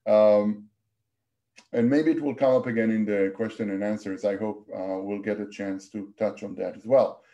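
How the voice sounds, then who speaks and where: A middle-aged man giving an online academic presentation in a measured, explanatory and somewhat hesitant manner. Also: fairly low pitch, steady tone, mellow, lo-fi sound. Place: small indoor room, on a video call.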